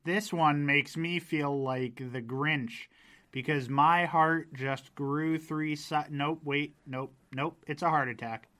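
A man with a bright, slightly high voice trades wisecracks on a casual podcast. He often pokes fun at himself and keeps the banter loose. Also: fairly even intonation, takes it slowly. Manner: wisecracking, self-deprecating. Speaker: podcast co-host.

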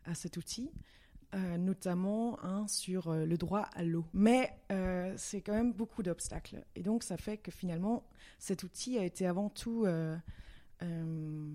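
A woman in her thirties from Belgium, answering interview questions in a friendly, hesitant way with many pauses. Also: fairly low pitch, mellow. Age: 30s. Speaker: guest.

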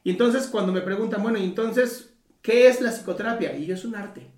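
A man's voice: sits high, a little fast, darkish tone. A man with a Mexican Spanish accent, a psychotherapist giving a casual talk in everyday slang, swearing freely and tossing in tag questions. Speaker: Gestalt psychotherapist. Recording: roomy echo, mic at a distance.

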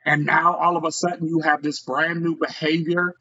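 A man's voice: a little high, level tone, moderate pace, sharp tone. A man on a podcast giving emphatic, preachy advice about parenting. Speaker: podcast guest. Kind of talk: casual podcast chat. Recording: dull lo-fi audio.

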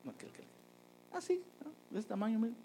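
A man preaching a testimony, telling a story with lively energy and acting out the people he quotes. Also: high-pitched, fast talker, a little hiss or hum, rough recording. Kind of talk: sermon testimony.

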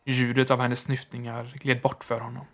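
A man narrating a horror story in a measured, hushed manner. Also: medium pitch, level tone.

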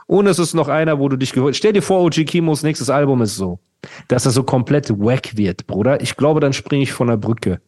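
A man co-hosting a podcast in casual chat, talking in an animated, slangy way and often calling his co-host "Bruder". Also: mid-range voice, brisk.

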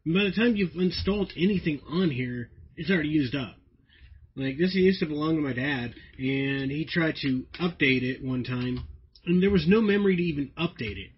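A man's voice: on the high side, moderate pace, husky, muffled recording. A man hosting a podcast in a casual, jokey chat, recorded outdoors on a laptop. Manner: jokey, animated, breaks into laughter. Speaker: podcast host.

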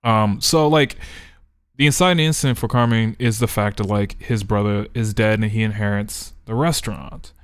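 Brief: male podcast co-host, low smooth voice, dry sound, rambling casual analysis. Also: fairly even intonation, normal speed, no room sound. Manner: rambling, thinks aloud with many restarts. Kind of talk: casual chat. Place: podcast studio.

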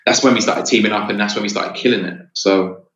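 Echoey, low-voiced man chatting. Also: steady tone, fast talker, fairly bright tone. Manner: slangy, peppers talk with "bro" and "like". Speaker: podcast guest, creative. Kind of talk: casual storytelling chat. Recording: echoey room, slightly dull sound.

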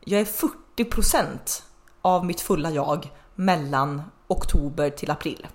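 Chatty Swedish-speaking woman, low voice. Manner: chatty, animated storytelling with laughs. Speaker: podcast co-host. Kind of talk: casual chat.

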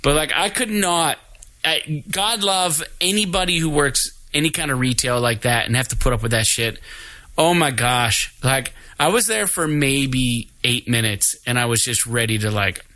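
A man co-hosting a casual podcast, telling a profane, animated story and acting out the other people's lines. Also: mid-range voice. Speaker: podcast co-host.

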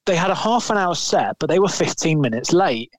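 A man's voice: on the high side, big pitch swings, brisk, crowd noise. A man, co-hosting a podcast and telling a long, rambling story in casual chat, swearing now and then. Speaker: podcast co-host.

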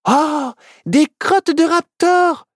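A woman's voice: drawn-out words, no room sound, studio quality. Woman doing a squealing little witch girl. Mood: boastful, excited. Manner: excited, high and squealing.

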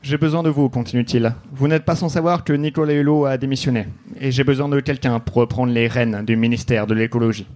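A man telling a deadpan, mock-noir detective story live on a comedy club stage. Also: mid-range voice, fairly quick, few pauses. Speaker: comedy podcast host.

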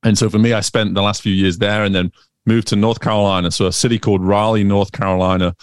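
A swim coach in his thirties from England, his Northern English accent tinged with American sounds, chats as a guest in a casual interview, full of fillers and restarts. His lowish voice is clear and resonant, fast and flat in delivery. The recording is dry, with clean studio sound.

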